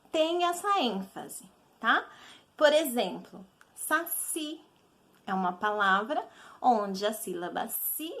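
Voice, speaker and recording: A woman's voice: high-pitched, sharp tone. A woman teacher with a Brazilian Portuguese accent, patiently explaining a recorded lesson to children and checking in often.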